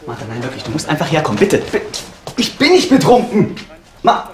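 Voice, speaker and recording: A man's voice: medium pitch, rapid-fire, natural voice. An actor playing an agitated, pleading, impatient man at his wits' end in a naturalistic short film. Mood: desperate pleading. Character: frantic, exasperated jobless man caught in a repeating time loop. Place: indoor living room.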